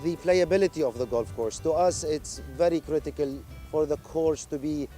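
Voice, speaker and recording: A man's voice: fairly high pitch, moderate pace, warm tone, soft background music. A man speaking for a golf club in an interview, hesitant, with many fillers and restarts. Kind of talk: interview answers.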